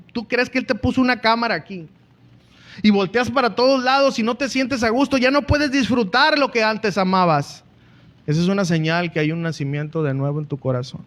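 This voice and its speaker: A man with a Mexican Spanish accent preaching a sermon earnestly as a pastor, often calling out to the congregation. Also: high voice.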